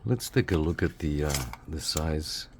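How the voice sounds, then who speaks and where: A man with a rumbling low voice, originating from Canada, takes his time while casually reviewing and working radio equipment. Short phrases recur often, and the background noise is clear.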